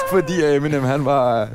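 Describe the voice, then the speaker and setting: A man chatting casually on a podcast recorded in a café, telling a long, rambling anecdote. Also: on the high side. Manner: rambling, animated anecdote-teller. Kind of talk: casual storytelling chat.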